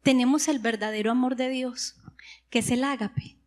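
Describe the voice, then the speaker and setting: A woman's voice: fairly high pitch, steady tone, normal speed. A woman preacher, teaching a sermon and explaining words step by step with rhetorical questions. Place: church hall. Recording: long hall reverb.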